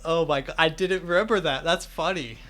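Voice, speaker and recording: This young adult man hosts a podcast, chatting casually and telling stories in a teasing, joking way. His voice is a little high and fairly bright, and he talks fairly quickly.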